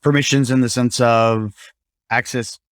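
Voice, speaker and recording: A man of middle pitch, a podcast guest, who speaks in a measured, explanatory way and uses frequent filler words. The sound is dry and close to the mic. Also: steady tone, dry recording. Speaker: guest, security awareness advocate. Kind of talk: casual interview conversation.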